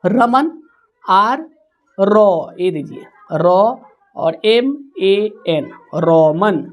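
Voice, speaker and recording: A woman teaching a spelling lesson, slowly sounding out words letter by letter. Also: medium pitch, expressive.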